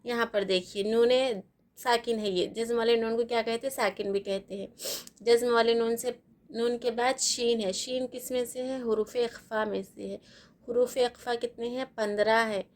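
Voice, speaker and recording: A woman's voice: fairly high pitch, fairly even intonation. A woman teaching Quran recitation rules step by step, patiently repeating herself and asking and answering her own questions. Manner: spells out letters slowly, syllable by syllable. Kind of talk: step-by-step tajweed lesson.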